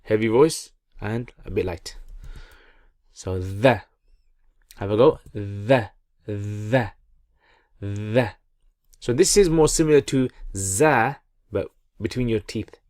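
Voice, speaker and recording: Slow, deliberate male pronunciation teacher. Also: on the low side, a little mellow, no room sound, clean studio sound. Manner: encouraging, repeats sounds slowly and deliberately. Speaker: Quran reading teacher. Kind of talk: pronunciation lesson, call and repeat.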